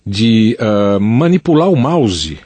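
Low-voiced São man, halting. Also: sing-song, crowd noise. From São Paulo, Brazil. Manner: halting, repeats words while explaining. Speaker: Portuguese teacher co-host. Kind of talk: casual radio chat.

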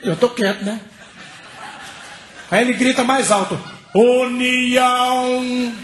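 A man's voice: high-pitched, measured pace. A man telling a long funny story on stage, chatty and laughing through his lines. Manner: chatty, laughing through lines, mimics shouting bus riders. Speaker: stand-up comedian. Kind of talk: storytelling stand-up. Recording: echoey stage with faint noise.

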